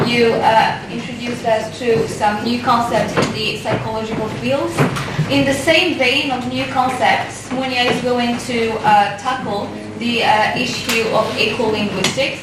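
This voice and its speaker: A woman's voice: fairly high pitch, fairly even intonation, a little slow, few pauses. A woman with a North African, formally introducing speakers as a seminar moderator. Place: indoor seminar room, far from mic. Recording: very echoey room, distant mic, noisy.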